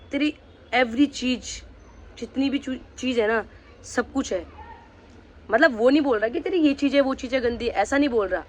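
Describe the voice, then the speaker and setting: A man's voice: very high-pitched, a little hiss or hum. A man vlogging, angrily confronting someone directly and threatening to reveal the truth about them. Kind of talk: angry vlog rant.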